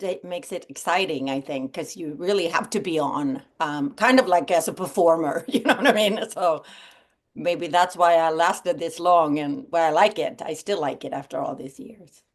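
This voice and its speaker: A middle-aged woman from Sweden chats casually as a podcast guest. Her voice sits on the low side for a woman, and she is friendly, laughs often and fills pauses with "um" and "uh". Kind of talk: casual chat.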